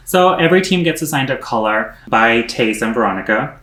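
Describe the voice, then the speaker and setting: A man's voice: medium pitch, animated, brisk, fairly bright tone. A man with a Dutch accent co-hosting a casual review chat, with dry, laid-back jokes. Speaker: podcast co-host. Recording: roomy echo.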